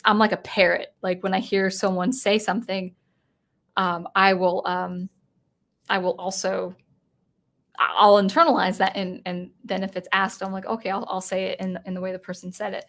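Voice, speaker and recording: Tired woman streamer rambling thru chat, lots of restarts, mid pitch. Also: fairly bright tone. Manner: rambling, self-interrupting, chuckling. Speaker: streamer reading live chat. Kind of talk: casual live-stream chat.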